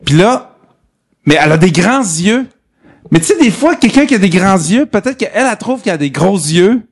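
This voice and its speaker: Québécois man with a slightly high voice. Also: very animated, moderate pace. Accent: Québécois French. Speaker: podcast host. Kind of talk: casual chat.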